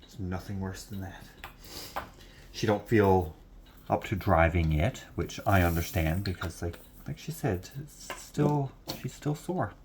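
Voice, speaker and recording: Late at night in his home, lamp switched on, a stuffy-nosed man who makes craft vlogs talks casually to camera. His low voice moves unhurriedly as he wanders off track and repeats himself, against a noisy background.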